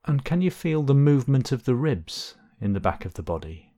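A man of medium pitch guides a body scan meditation, his voice making big pitch swings as he gives gentle, unhurried instructions with long pauses between phrases.

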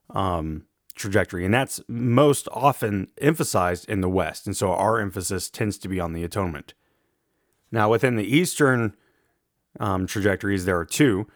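Guy with a deep gravelly allergy voice doing a casual lecture, careful explainer, really dry sound. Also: dry recording. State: rough voice from allergies. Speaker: theology lecturer. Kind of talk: informal lecture.

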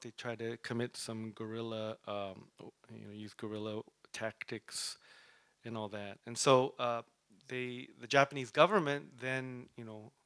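A man's voice: mid-range voice, sharp tone, no room sound. A man preaching a Bible lesson in a conversational way, often checking in with "right?". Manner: conversational, often asks "right?", uses fillers. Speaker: preacher teaching a Bible study. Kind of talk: sermon.

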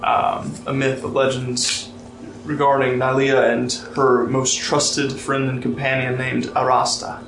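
A man narrating as game master of a tabletop game, relaxed and storytelling, reading lore aloud with fillers. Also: mid-range voice, unhurried, hardly any pauses, noisy background. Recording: roomy sound with music behind.

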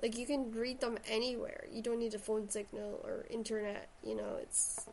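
A woman's voice: on the high side, fairly even intonation, normal speed, darkish tone, a little hiss or hum. A woman with a Shetland accent chatting casually and enthusiastically about books as a host. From Shetland, Scotland. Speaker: podcast host and writer. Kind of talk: casual book chat.

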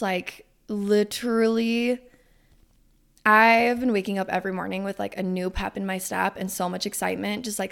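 A young woman podcast host and coach giving a casual, gushing promotional monologue, rambling and digressing, with some swearing and a creaky vocal fry. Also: mid-range voice, fairly bright tone. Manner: gushing, enthusiastic.

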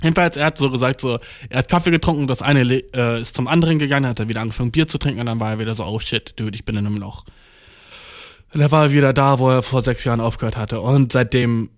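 A man's voice: mid-range voice, rapid-fire, few pauses. A man delivering a rambling comedic monologue, swearing constantly and mixing English slang into his talk, self-mocking and over-caffeinated. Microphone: audio-only recording.

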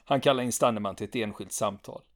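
A man telling a true story in a relaxed, conversational way, with frequent pauses and fillers. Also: fairly low pitch. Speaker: podcast storyteller.

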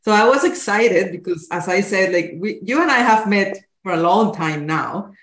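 A woman's voice: mid-range voice, expressive, moderate pace, a bit bright, echoey room. A woman hosting a podcast, welcoming her guest and asking friendly, encouraging questions about her childhood. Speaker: podcast host. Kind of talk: casual interview hosting.

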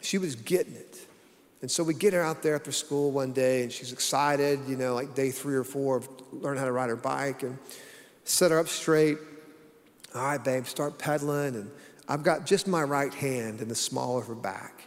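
A man's voice: medium pitch, moderate pace. A middle-aged man preaching a conversational sermon as pastor, telling stories folksily and repeating key phrases for emphasis. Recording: long reverb of a large hall.

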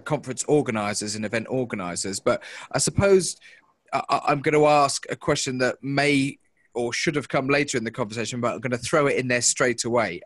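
A man's voice: medium pitch, fairly bright tone, dry recording. A man hosting a podcast, introducing and questioning his guest with many hesitant fillers. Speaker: podcast host. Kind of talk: podcast interview.

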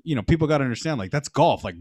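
A young man telling golf stories in casual chat, animated, acting out the people he quotes, with lots of fillers. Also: fairly high pitch, rapid-fire, no room sound, clean studio sound. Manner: animated storyteller, acts out quoted voices, many fillers.

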